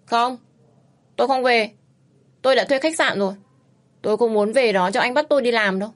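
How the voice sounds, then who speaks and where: A woman voicing a fiery, stubborn young woman who speaks in high, shrill outbursts and pleads loudly. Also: a little fast, natural voice. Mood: defiant.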